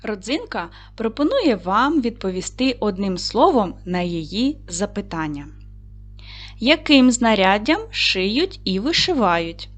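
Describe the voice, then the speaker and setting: A woman teaching a video lesson to second graders, speaking in a clear, patient and encouraging classroom manner. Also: medium pitch, big pitch swings, a little slow. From Ukraine. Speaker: primary school teacher.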